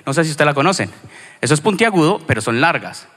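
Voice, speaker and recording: A man with a Colombian accent from Cali, a pastor giving a sermon in a conversational, storytelling way with lively asides. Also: a little high, fast talker. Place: church hall. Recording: reverberant church hall.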